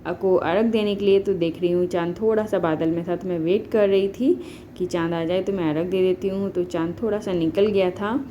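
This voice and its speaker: Soft-voiced woman narrating her family vlog. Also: fairly low pitch, steady tone, moderate pace, muffled recording, slight background noise. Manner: homely, explaining each ritual step by step. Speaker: vlogger. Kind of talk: casual voice-over narration of a family festival vlog.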